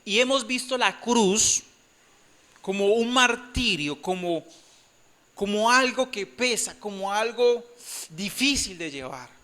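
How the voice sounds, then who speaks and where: A man preaches a lively sermon in a church and keeps drawing the congregation in. His voice sits high for a man and sounds bright and forceful. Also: slow. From Colombia. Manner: animated preaching, asks congregation for amen. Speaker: pastor.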